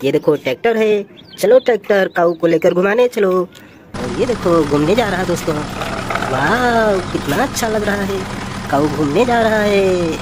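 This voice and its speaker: A woman's voice: medium pitch, animated, a little slow, noisy background. A woman narrating a toy play video for children, exclaiming and sing-song, full of "wow" and "oh no".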